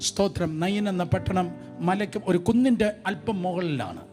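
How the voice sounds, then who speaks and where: A male preacher delivering an emphatic, repetitive sermon to a live congregation, urging them to repeat phrases back and rising to shouts on key lines. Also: sits high, big pitch swings, normal speed, faint music behind.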